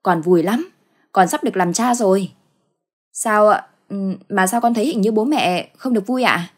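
A woman's voice: medium pitch, moderate pace, husky, close to an everyday voice. A woman voicing an eager, cheerful young husband. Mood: overjoyed. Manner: eager, warm.

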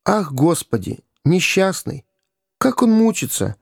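Man doing a kind, pitying gentleman. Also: high-pitched, very animated, measured pace, vocal fry, husky, no echo, studio quality, pitched above the performer's own voice, heavily acted. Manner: earnest, reproachful. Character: kind compassionate gentleman passerby.

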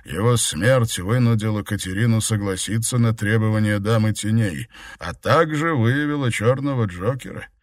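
A man voicing a scheming emperor in an audiobook, calm, measured and self-assured. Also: fairly low pitch, no echo, studio quality, close to an everyday voice. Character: scheming emperor, middle-aged man, cold manipulator. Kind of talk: audiobook character voice.

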